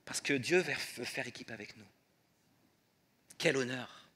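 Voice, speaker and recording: A man preaching a sermon in church, moving between soft prayer and light humor. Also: mid-range voice, a little slow, slightly rough. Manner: prays softly then preaches with humor. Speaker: pastor.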